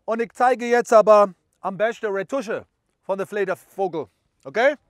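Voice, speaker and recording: This studio-quality clip, natural-sounding and without echo, features a man with a high voice at a moderate pace. He plays a self-proclaimed bird photographer in a parody how-to video, boasting and stumbling through broken German laced with English.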